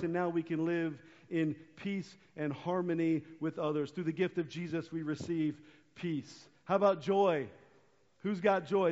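A man's voice: fairly high pitch, darkish tone. A man leading a children's sermon at a church service, upbeat and coaxing as he talks to the kids. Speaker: pastor. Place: church sanctuary. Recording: dull sound with long church reverb.

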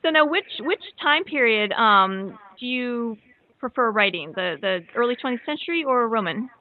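A woman's voice: on the high side, animated, normal speed. A woman podcast host who reacts with enthusiasm and asks questions. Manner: enthusiastic, lots of short reactions. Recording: tinny phone line.

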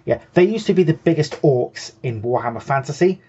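A man's voice: on the high side, lively intonation, brisk, mellow, lo-fi sound, a little hiss or hum. A man co-hosting a hobby show, patiently explaining game rules in casual chat and often restarting his sentences. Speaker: co-host.

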